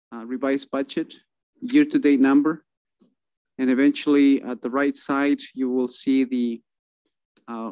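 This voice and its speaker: A man presenting a city budget at a council meeting over a video call, halting with many fillers and restarts. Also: medium pitch, mellow, clean tone, dry recording.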